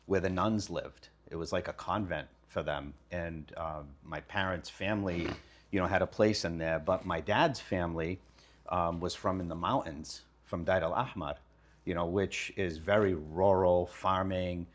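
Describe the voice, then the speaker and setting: Low-voiced guest in his fifties from Lebanon, relaxed and candid storyteller. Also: unhurried. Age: 50s. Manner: relaxed, candid, talks with casual slang. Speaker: guest, kitchen design business owner. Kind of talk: casual storytelling.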